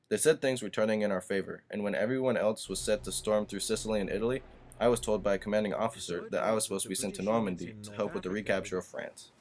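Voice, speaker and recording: A man acting as a weary war veteran father narrates in a low voice at a quick pace. The scripted first-person account plays over clearly audible background noise. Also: darkish tone, lightly acted. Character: weary war veteran father telling his wartime story.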